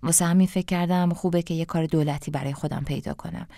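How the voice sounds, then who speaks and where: A woman's voice: lowish voice, fairly even intonation, mellow, no echo, studio quality, close to an everyday voice. Woman doing a timid pleading young widow. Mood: earnest. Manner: hesitant, pleading. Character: timid widowed young mother, eager to please.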